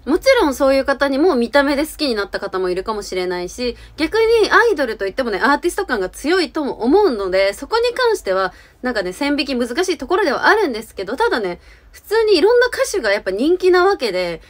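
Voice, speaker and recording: A woman in her twenties talking casually to camera as a YouTuber, giving her opinions in an earnest, rambling, softened way. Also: high-pitched, sing-song, fast talker. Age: 20s. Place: small indoor room with curtain backdrop.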